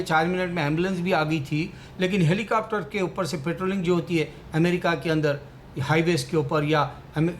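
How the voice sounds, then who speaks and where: Man, fairly high voice, preachy rambling talk, faint rumble behind. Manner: rambling, preachy, many fillers. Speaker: commentator. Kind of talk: religious political commentary.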